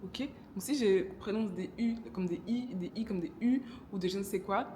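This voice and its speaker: A woman's voice: mid-range voice, moderate pace, dark tone, slight background noise. A young woman from Congo with a Congolese French accent, chatting casually in her vlog, often correcting herself and laughing at herself. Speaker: vlogger.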